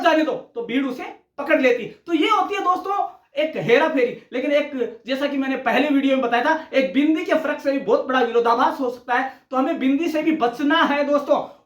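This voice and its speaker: A man's voice: very high-pitched, a bit bright. A male teacher giving a conversational recorded lecture, often addressing listeners as friends. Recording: echoey room.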